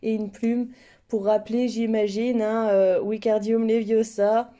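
A woman with a fairly high, mellow voice hosts a casual unboxing. She talks with a mouth numb from the dentist, slightly impeded, and is effusive in her admiration. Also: fairly even intonation, measured pace. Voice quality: numb-mouthed, slightly impeded speech after dental extraction. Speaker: host of unboxing videos.

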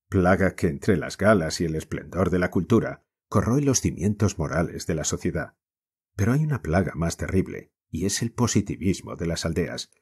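A man with a Spain accent reading a classic novel as an audiobook narrator, in a measured, declamatory style. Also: deep voice, a little mellow, slightly rough.

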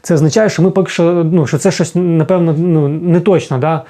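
A man's voice: on the high side, steady tone, mellow. A man who is an English teacher, explaining a lesson in a casual spoken way, often checking in with the listener and restarting his sentences. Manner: fast-paced, frequent fillers and restarts, checks in with "так?".

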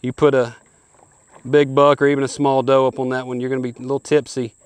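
Speaking fast in a smooth, medium-pitched, level voice, a man in his forties who hosts a hunting show demonstrates kayaks on a lakeshore. He keeps up an upbeat, folksy, salesman-style review.

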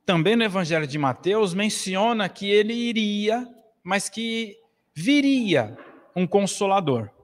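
A Brazilian man in his forties delivers an earnest spiritist lecture, gesturing widely at a lectern. His voice sits high for a man. The stand mic picks him up in a small hall with a long, ringing reverb. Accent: Brazilian Portuguese. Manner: earnest, preaching with wide gestures.

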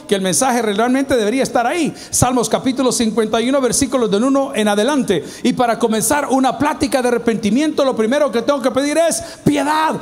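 A man with a Salvadoran Spanish accent, preaching a sermon to his congregation, animated and questioning the listeners. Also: very high-pitched. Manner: animated preaching, acts out quoted voices, asks the congregation questions. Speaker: pastor. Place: church hall.

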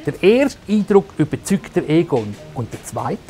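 A man's voice: a little high, sing-song, moderate pace, mellow, soft background music. A man narrating a show voice-over with wry, dry commentary.

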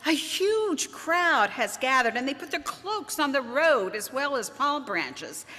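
A woman pastor delivering a sermon, emphatic and animated, with wry asides. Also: sits high, a little slow. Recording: long church reverb.

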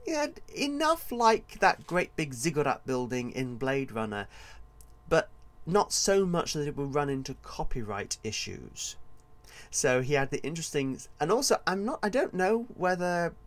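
A man hosting his own podcast as an author, talking in a casual, rambling and digressive solo monologue. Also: mid-range voice.

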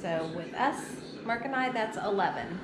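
A woman's voice: mid-range voice, animated, moderate pace. Middle-aged woman, casual vlog, handheld camera, upbeat, audible background noise. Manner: chatty, upbeat, rambling with ums. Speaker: family vlogger. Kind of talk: casual home-renovation vlog. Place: small lake house, indoors and in the yard. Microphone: handheld camera at arm's length.

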